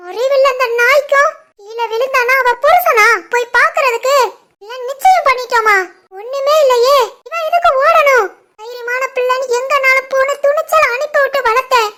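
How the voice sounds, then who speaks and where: A woman voices a furious middle-aged village mother-in-law in an animated family drama, speaking at normal speed. She uses a Tirunelveli Tamil accent and a shrill, scolding delivery.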